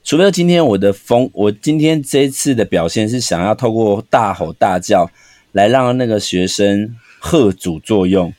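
A man, a teacher co-hosting a podcast, chatting in an animated, teasing way and acting out lines. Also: fairly low pitch, normal speed, no echo, clean studio sound. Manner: animated, acts out lines to tease. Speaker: podcast co-host who teaches students. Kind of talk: casual chat.

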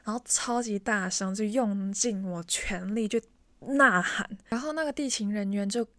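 A woman telling a story in a chatty, animated way and talking straight to the listener. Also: mid-range voice, moderate pace, no room sound. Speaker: vlogger. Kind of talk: casual storytelling to camera.

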